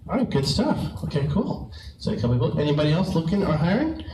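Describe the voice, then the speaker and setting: A man's voice: a little high, big pitch swings, fast talker, warm tone. A man hosting an event in an informal, off-the-cuff style. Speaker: event host. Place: large open office event space, indoors. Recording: echoey room, distant mic, clicks, noise.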